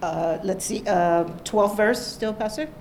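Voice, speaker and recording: A woman in the congregation reading scripture aloud, soft and halting. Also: medium pitch, slight background noise.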